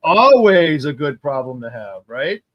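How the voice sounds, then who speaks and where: An enthusiastic man hosts with a somewhat high voice, recorded close and dry with no room sound. He keeps affirming his guest and repeats his praise. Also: very animated, unhurried, no echo, muffled recording. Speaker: host. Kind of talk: casual interview chat.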